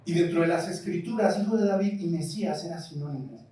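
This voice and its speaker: Mexican pastor preaching in an echoey hall. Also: male voice, fairly high pitch, fast talker. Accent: Mexican Spanish. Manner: lively preaching, asks the congregation questions. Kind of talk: sermon. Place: church hall. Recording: echoey church hall, mic at a distance.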